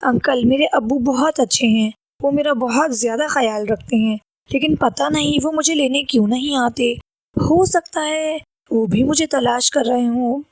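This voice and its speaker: A sweet little ghost girl begs for help in a soft, innocent way, read by a woman. The voice sits high and the sound is close and dry. This is a storybook telling. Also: no echo. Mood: pleading. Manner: pleading and innocent.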